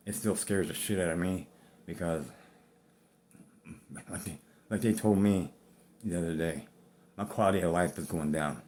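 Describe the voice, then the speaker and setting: A man's voice: low voice, darkish tone. A man in his fifties talking to camera in a blunt, profane, rambling way. He is out of breath as he speaks. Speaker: vlogger. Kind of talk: personal talk to camera.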